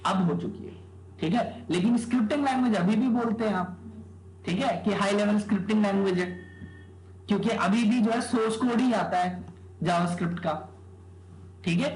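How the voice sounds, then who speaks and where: A man's voice: high voice, normal speed, pauses often, a little mellow. A male programming teacher giving a live classroom lecture, quizzing students with rhetorical questions and often checking "okay?". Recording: echoey room with background noise.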